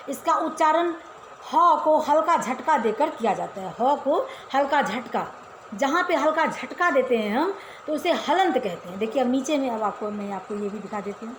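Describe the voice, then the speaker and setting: A woman's voice: high-pitched, slight background noise. A woman teacher giving a casual class to children, explaining step by step and often asking the pupils questions. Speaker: Hindi teacher. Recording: echoey room with faint ambience.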